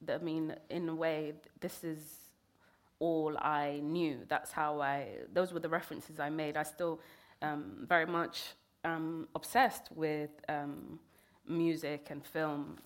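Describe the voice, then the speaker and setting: A woman's voice: low voice, level tone, slow pace. A woman, a poet talking reflectively in an interview. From England. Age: 30s. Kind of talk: conversational interview.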